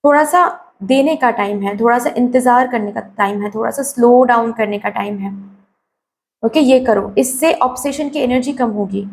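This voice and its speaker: A woman with a slightly hoarse, sore throat giving a tarot reading to her viewers, advising them and often checking "okay?" while mixing in English phrases. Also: a little high, normal speed, a little hiss or hum. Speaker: tarot card reader.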